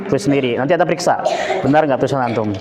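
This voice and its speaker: A man's voice: medium pitch, very fast. A man with an Indonesian accent teaching an Arabic lesson in a boarding school class, drilling pupils with questions and explaining in Indonesian. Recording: roomy classroom with pupils' chatter.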